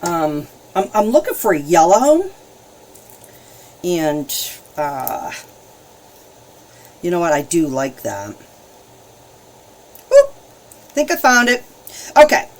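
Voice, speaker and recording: A woman hosting a live painting demonstration, chatting in a bubbly way, laughing often and greeting viewers warmly. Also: on the low side, wildly swooping pitch, takes it slowly, long pauses, a little hiss or hum. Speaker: alcohol ink painting host. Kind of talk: casual live-stream painting demo.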